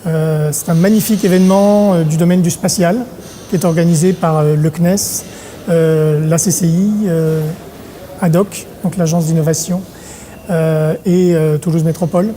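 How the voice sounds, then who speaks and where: A middle-aged man from Paris, an event organizer talking in an interview, pausing often on filler sounds. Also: on the high side, steady tone, dark tone, a little hiss or hum. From Paris, France. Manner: hesitant, many filler sounds. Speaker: congress organizer. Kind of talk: interview monologue.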